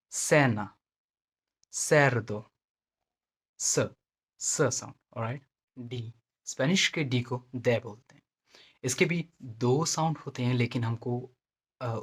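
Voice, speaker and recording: A man's voice: mid-range voice, slightly rough. A man teaching a language lesson, explaining each letter and repeating every example word two or three times, with English phrases mixed into his explanation.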